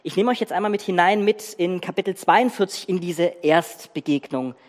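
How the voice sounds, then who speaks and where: A preacher giving a sermon, retelling a Bible story with emphatic, animated storytelling and pauses for effect. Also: mid-range voice. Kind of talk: sermon with dramatic Bible reading. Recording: reverberant church hall.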